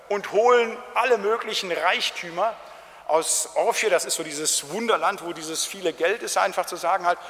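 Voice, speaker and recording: A man preaching a sermon in a lively, colloquial storytelling way, acting out quotes. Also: sits high. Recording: hall reverb.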